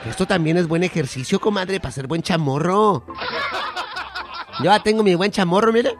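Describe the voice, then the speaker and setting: Here a man plays a pair of gossiping, bawdy middle-aged female friends with Mexican Spanish accents, swapping teasing banter punctuated by squeals and cackles for a comedy sketch. His high voice is lightly acted and keeps a moderate pace, with music running in the background.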